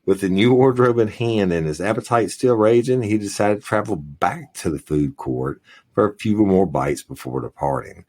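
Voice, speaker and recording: A podcast co-host reads crime news stories and headlines aloud, breaking in with crude, profane jokes during the casual chat. His voice is fairly low and mellow at a moderate pace.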